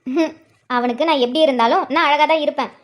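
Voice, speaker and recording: Cartoon role: high, bright-voiced older sister, affectionate and quick to tear up, played by a woman. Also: close to an everyday voice. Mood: playful. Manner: affectionate, teasing, tearful at times. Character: warm older sister and young mother, emotional. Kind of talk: cartoon drama voice acting.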